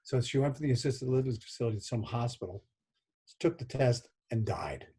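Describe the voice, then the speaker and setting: Husky man in his sixties telling stories. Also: mid-range voice, fairly quick. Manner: animated anecdotes with voiced quotes. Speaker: guest. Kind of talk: conversational storytelling. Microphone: video call.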